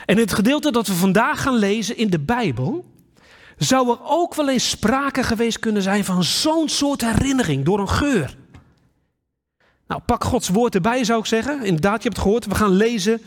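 A man's voice: high-pitched, big-room sound. A man preaching a sermon, telling a personal memory and then reading scripture aloud.

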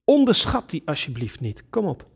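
A man's voice: fairly high pitch, normal speed, gravelly, breathy edge. A man preaching a sermon, earnest and emphatic, addressing his congregation directly. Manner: earnest, lively preaching with sudden emphatic rises.

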